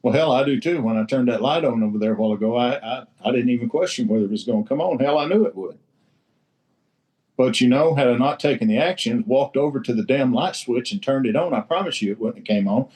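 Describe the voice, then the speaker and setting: In a casual share at a recovery roundtable, a man talks bluntly and saltily, swearing freely and repeating himself for emphasis. His mid-range voice is fast and darkish, and the recording is low quality.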